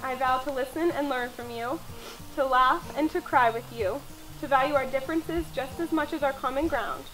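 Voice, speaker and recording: High-pitched young woman reading wedding vows. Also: moderate pace, bright, forceful tone, rough recording. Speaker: bride. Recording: music laid over the voice. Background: music.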